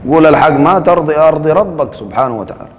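A man's voice: a little high, lively intonation, racing, in a large hall, a little hiss or hum. A man with a Sudanese Arabic accent giving a sermon in a conversational preaching style, acting out quoted dialogue.

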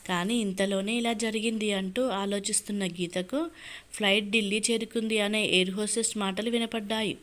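A woman reading a dramatic family story aloud in an even, steady storytelling manner. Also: mid-range voice. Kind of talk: scripted narration.

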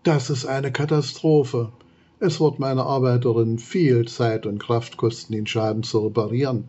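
A man reading aloud, voicing a worried female termite queen who talks anxiously, in a husky voice. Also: medium pitch, normal speed, dark tone, lo-fi sound. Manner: anxious, pleading.

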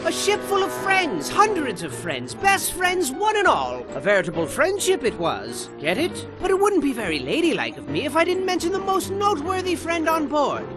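A zany, excitable storybook narrator, high and wildly swinging in pitch, theatrical and bombastic, who shouts his own crash and wind noises. Music plays behind him in the game audio. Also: moderate pace, few pauses, heavily acted. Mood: storytelling.

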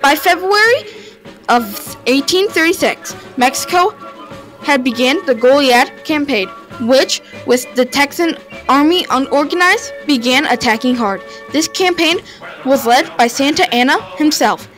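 Faint music plays behind a woman reading her own history narration in a high, slightly bright voice that is a little slow and lively in intonation. She stumbles a bit, keeps it informal, and her pitch jumps at each story turn, all on a low-quality recording.

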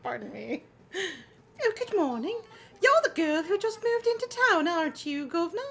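Friendly koala neighbor played by a woman, bright, with a clumsy put-on Australian accent. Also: extremely high pitch, expressive, normal speed, full character voice. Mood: chirpy. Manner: mock Australian accent, admittedly bad.

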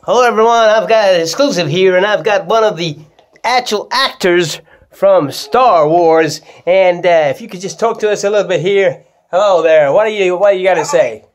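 A woman's voice: mid-range voice, moderate pace. A woman vlogger playing with a toy and hosting a playful mock interview, with sudden exclamations.

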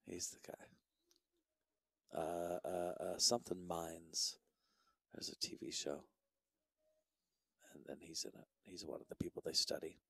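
A man giving soft-spoken, agreeable commentary on a pool match, often dropping close to a whisper. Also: low voice, steady tone, measured pace, vocal fry, long pauses, slightly rough, dry recording. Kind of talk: relaxed live play-by-play commentary.

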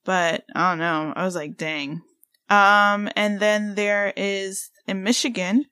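Woman, 30s, podcast co-host, excitable rambler, mid-pitched, dry booth sound. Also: no room sound. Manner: rambling, filler-heavy, excitable. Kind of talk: casual podcast chat.

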